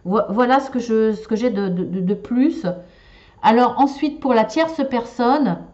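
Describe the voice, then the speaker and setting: A tarot and shell reader gives viewers a relationship reading using cards and shells. Her voice is fairly high and a bit dark, and she speaks unhurriedly in a hesitant, casual way, full of fillers and restarts. The lo-fi recording sounds slightly dull.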